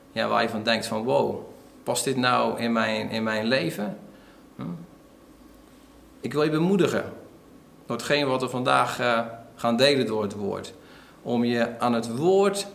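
A man preaching a sermon, retelling a story lively with acted-out quotes and frequent fillers. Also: a little high, echoey room. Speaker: pastor.

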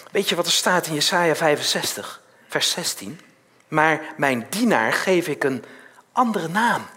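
A man's voice: a little high, sharp tone. A man preaching a sermon, emphatic and full of rhetorical questions with a frequent "hè?", drawing out the key words.

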